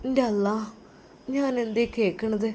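A woman's voice: a little high, expressive, a little slow, dark tone. A woman voicing a frail, frightened older mother who wails faintly and calls on God. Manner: faint, wailing, calling on God.

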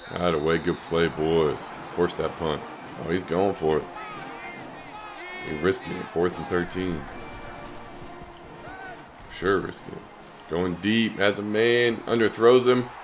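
A man with a scratchy, sick-sounding throat, giving laid-back, casual commentary on the game he's playing, with short excited outbursts. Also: low-pitched, takes it slowly, pauses often, over music. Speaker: gaming YouTuber.

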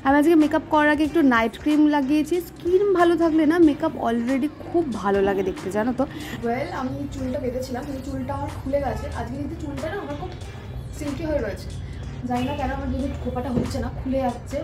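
High-pitched, fast-talking young Bengali woman. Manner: chatty, talks while doing her makeup. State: tired. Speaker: vlogger. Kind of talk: casual vlog chat. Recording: music playing underneath.

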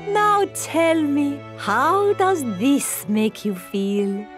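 A woman's voice: sits high, sing-song, extremely slow, soft background music, full character voice. A woman voicing Madame Gazelle, a prim, theatrical gazelle teacher, in a children's cartoon. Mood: dreamy. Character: fussy, kindly gazelle teacher, adult woman. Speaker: playgroup teacher.

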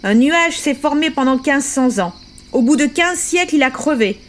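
Audiobook role: a fierce dying old revolutionary man, read by a woman, accusing and impassioned, with a fairly high voice. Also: lively intonation, normal speed.

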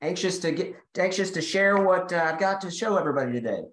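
A man with a slightly high voice walks a webinar audience through a technical topic, eager and explanatory. His voice carries a roomy echo over a video call mic. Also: lively intonation, fast talker. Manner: eager, explanatory, self-correcting. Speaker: developer and guest presenter.

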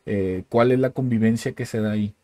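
A man in his thirties hosts a podcast from a room at home, asking curious questions and thinking aloud with fillers in a casual interview. His voice is lowish, brisk and mellow, with no echo. He records on a stand-mounted studio mic while wearing headphones.

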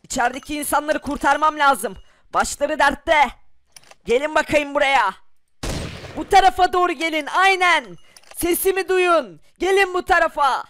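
High voice of a tough, taunting zombie hunter. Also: normal speed, a bit bright, slight background noise. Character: lone gunman clearing zombies outside a house.

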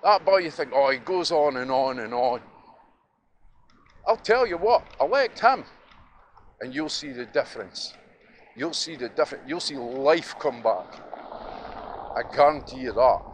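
A middle-aged Scottish-accented vlogger from Dundee talks at a measured pace with medium pitch and lively intonation, pausing often. He rambles casually while walking city streets, reminiscing, emphatic and opinionated, prone to chuckling, with traffic, passing vehicles and street sounds in the noisy recording.

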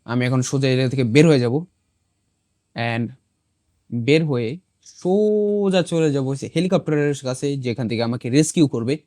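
Hoarse male gaming host, mid-pitched, chatty running commentary, dry close sound. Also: animated, moderate pace, long pauses, warm tone, dry recording. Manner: chatty, talks to viewers as he plays, mixing in English exclamations. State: hoarse from a cold. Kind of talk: casual gameplay commentary.

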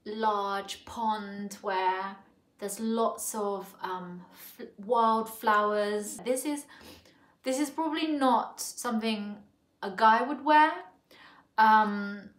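A woman from Thailand gives a casual spoken perfume review while sitting on her living-room sofa, her voice medium in pitch. She's slow and musing, filling gaps and restarting often, and the close front camera picks up an echoey room.

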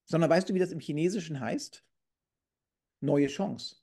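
A man's voice: a little high, moderate pace, vocal fry, warm tone. A middle-aged man co-hosting a casual comedic chat over a video call from home, blunt and crude as he tells stories. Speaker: co-host. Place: room at home, indoors. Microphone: video call webcam.

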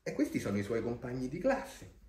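A man reading a picture book aloud to a child with gentle, expressive storytelling, pausing to answer the child. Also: mid-range voice. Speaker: storybook reader. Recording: echoey room.

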